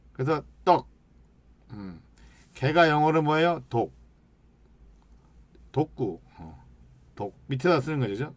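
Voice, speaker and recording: A man lecturing as an English teacher, speaking at an unhurried pace and drawing out single sounds to demonstrate them. He keeps putting questions to the class and then answers them himself. His voice is mid-pitched and sits dry and close to the mic. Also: darkish tone, dry recording. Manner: slow, drawn-out demonstrations of sounds and syllables. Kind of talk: lecture with slide examples.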